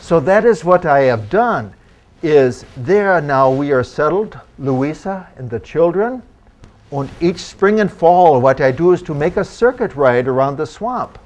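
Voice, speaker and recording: Performing first-person living history for an audience, a reenactor takes on the role of a genial 19th-century German immigrant country doctor who travels as a storyteller. His slightly high voice is darkish, with lively intonation, and he speaks matter-of-factly yet theatrically, deliberate and formal in an old-fashioned way.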